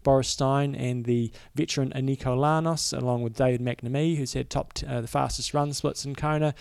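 A man with a New Zealand accent co-hosts a sports podcast. His voice has plenty of vocal fry, and he talks through the news plainly and casually. The recording is very dry. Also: mid-range voice, steady tone, fairly quick, darkish tone, no echo. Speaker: podcast co-host.

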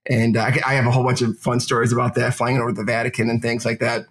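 A man's voice: mid-range voice, level tone, fast. A man in his thirties in a casual podcast conversation, talking in a loose, rambling way and laughing easily. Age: 30s. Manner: rambling, many fillers and restarts, laughs easily.

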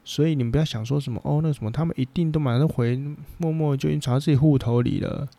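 A man's voice: medium pitch, fast talker, vocal fry, warm tone, no echo. A man with a Taiwanese Mandarin accent talking as a podcast host, rambling bluntly through a casual opinion chat and swearing freely.

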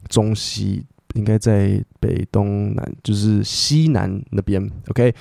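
A man's voice: fairly low pitch, little pitch movement, takes it slowly, vocal fry, dark tone, no echo, clean studio sound. A man hosting a casual English lesson podcast, spelling words letter by letter and chatting with many fillers. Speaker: English teacher podcast host. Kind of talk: bilingual English lesson, reading news and explaining words.

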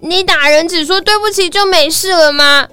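Woman doing a little boy, storybook, shrill, tearful, indignant, high and loud. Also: normal speed, faint music behind. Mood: upset, tearful. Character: small first-grade boy, hurt and indignant.

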